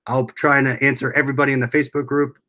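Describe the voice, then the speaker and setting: A man's voice: mid-range voice, flat delivery, racing, bright, forceful tone. An American man hosting a casual livestream, rambling along as he reads and answers viewers' comments aloud. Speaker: livestream host.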